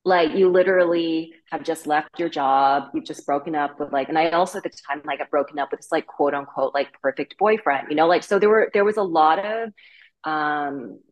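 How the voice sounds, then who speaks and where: Low-voiced and fairly quick, this interview guest is a woman in her thirties with a Canadian accent, recounting her story conversationally. She's loose and candid, with frequent "like" and "you know" fillers, and the audio sounds dull.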